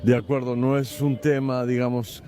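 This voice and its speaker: A man answers a street interviewer in a measured, hesitant way, pausing to search for his words. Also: medium pitch, flat delivery, dark tone, faint music behind.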